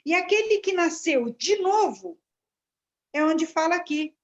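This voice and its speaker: A woman giving a halting, searching commentary on a Bible passage in a study class. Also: very high voice, lively intonation. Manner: searching, halting delivery with restarts. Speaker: class participant. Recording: dull lo-fi sound.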